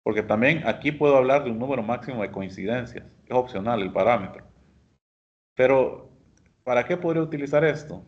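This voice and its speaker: A man teaching a software class, explaining each step patiently and speaking directly to his students. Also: medium pitch, lively intonation, a little fast, highs cut off. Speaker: instructor. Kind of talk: screen-share software lesson.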